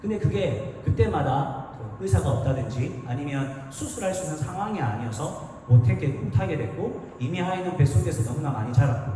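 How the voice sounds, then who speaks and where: A man's voice: on the high side, animated, fairly quick, few pauses, dark tone. A man preaching a sermon as pastor, telling a story and acting out the voices in it. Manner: storytelling, acting out quoted dialogue. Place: church sanctuary. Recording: echoey hall, distant mic, noisy.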